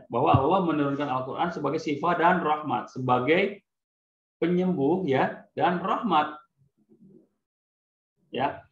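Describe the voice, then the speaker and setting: A man's voice: fairly high pitch, fairly bright tone. A man teaching an online lecture, explaining patiently and answering his own rhetorical questions, his voice choppy and breaking up over a bad connection. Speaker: ruqyah teacher. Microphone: video call. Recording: echoey lo-fi online call audio.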